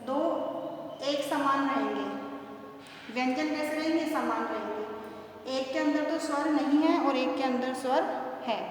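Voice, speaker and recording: Casting: high-voiced woman teacher, far from the mic, echoey room, asks and answers her own questions. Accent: Hindi, North Indian. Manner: asks questions and answers them herself, stretching key words slowly. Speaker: school teacher. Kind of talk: classroom grammar lesson. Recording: echoey distant room recording with faint noise.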